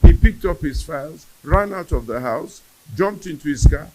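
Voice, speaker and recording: A man's voice: on the high side, lively intonation, moderate pace, mellow, low-quality recording. A man, telling a personal story in an interview with emphatic repetition. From Nigeria.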